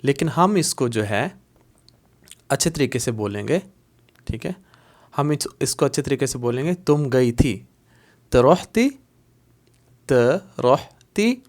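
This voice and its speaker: A man giving a video lesson, explaining patiently and saying each phrase twice or three times so learners can follow. His voice sits at an ordinary middle pitch. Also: darkish tone. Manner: patient, repeats words slowly for learners. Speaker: Arabic teacher.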